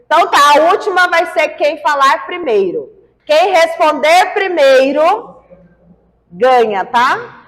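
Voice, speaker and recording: A woman's voice: high voice, big pitch swings, takes it slowly, a bit bright, long reverb tail. A woman teaching biology, running a quiz with her class and coaxing answers out of the students in a playful way. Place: large classroom.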